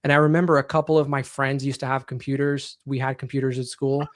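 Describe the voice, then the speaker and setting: A man from Portugal with Portuguese as his first language, a podcast guest explaining his story in a relaxed, steady way. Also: mid-range voice, quick pace, dry recording, studio quality. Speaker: guest entrepreneur. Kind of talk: casual interview chat.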